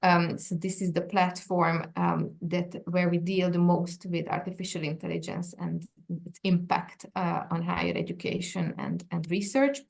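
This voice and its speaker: A woman's voice: on the low side, level tone, moderate pace, gravelly. A woman chairing a video call meeting and leading the introductions, polite and procedural with some fillers. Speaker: education department director, meeting chair.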